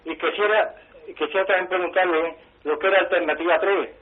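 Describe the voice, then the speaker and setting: A nervous man calling in to a radio show over the phone, asking halting, apologetic questions. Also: high-pitched, steady tone. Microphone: telephone. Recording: tinny phone line.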